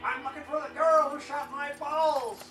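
Woman playing a shrill old prospector. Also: fairly even intonation, moderate pace, a bit bright, faint music behind. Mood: grumbling, cantankerous. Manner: old prospector's folksy, rustic Western talk. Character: cantankerous, lecherous old prospector, male, feeble-eyed. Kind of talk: comic Western audio drama acting.

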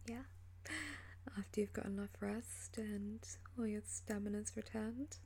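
A woman doing a whispered role-play as a flirtatious, teasing lover, in a sultry, breathy and seductive voice. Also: medium pitch, flat delivery, measured pace, warm tone.

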